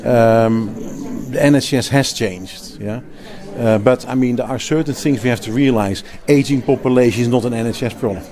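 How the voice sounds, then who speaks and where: This man from the Netherlands, a clinician and healthcare executive with a Dutch accent, has a warm, medium-pitched voice at a moderate pace with few pauses. Speaking in an interview at a crowded event, he is emphatic, laughs readily, and often restarts his phrases.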